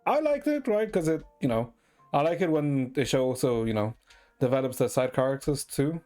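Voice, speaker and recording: With music in the background, a livestreamer from Ecuador chats casually with his viewers, rambling informally and swearing freely. His voice is medium in pitch, expressive and dark in tone, at a normal speed.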